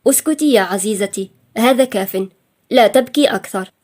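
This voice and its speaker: A woman's voice: mid-range voice, fairly quick, a little mellow, lightly acted. A woman reading a coaxing, affectionate young man.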